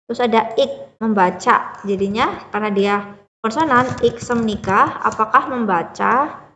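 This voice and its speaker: A woman's voice: fairly high pitch, measured pace, bright, forceful tone, long reverb tail, a little hiss or hum. A woman teaching a beginner language lesson, explaining patiently step by step and checking in often with the listener. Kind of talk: classroom-style lesson explanation.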